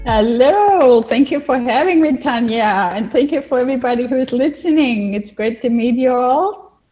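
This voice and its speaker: Faint music plays behind an older woman from Vienna, a native German speaker with an Austrian accent, who recounts her personal story as an interview guest and life coach, often repeating phrases for emphasis. Her voice sits high and warm, with lively intonation at a normal pace. It comes through dull, lo-fi online call audio.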